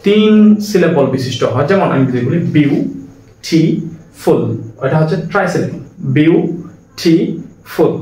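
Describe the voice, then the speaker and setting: A man with a Bangladeshi accent leads a grammar lesson in a fairly high voice, repeating every rule step by step. He asks the class questions and then answers them himself. He is heard from a distance in a very echoey room with a faint hiss behind him. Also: darkish tone. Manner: repetitive, drills each step aloud. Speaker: English grammar teacher.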